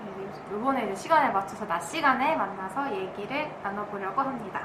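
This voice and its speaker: A woman co-host chats through a face mask. She sounds away from the microphone, her casual talk carrying room echo, with steady noise clearly audible behind it. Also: medium pitch, brisk. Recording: distant, echoey, clear air-conditioner noise.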